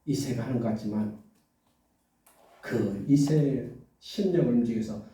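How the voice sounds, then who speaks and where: A male pastor preaching a sermon with lively delivery, often asking the congregation questions and acting out biblical voices. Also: medium pitch, a little slow. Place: church sanctuary. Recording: echoey church hall from far off.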